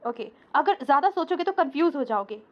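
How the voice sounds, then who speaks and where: A woman teaching an English grammar lesson, patiently explaining step by step and reading out slow English example sentences. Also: sits high, animated, muffled recording.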